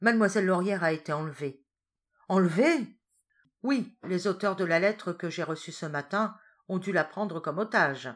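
A woman's voice: fairly low pitch, expressive, normal speed. A woman voicing a young male journalist who pleads with fervent urgency in a storybook reading. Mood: desperate.

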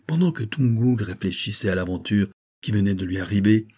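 A man reading an adventure novel aloud as an audiobook narrator, measured and dramatic. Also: fairly low pitch, lively intonation, warm tone, breathy edge.

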